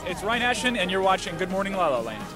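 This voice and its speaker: A man's voice: high-pitched, sing-song, fast talker. A man plugging a show in casual chat. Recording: outdoor crowd and music behind.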